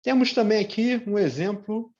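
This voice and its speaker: A man with a Brazilian Portuguese accent teaching English pronunciation in an online lesson, repeating example words slowly with chatty asides. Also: high-pitched, a little mellow, lo-fi sound. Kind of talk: online lesson with shared screen.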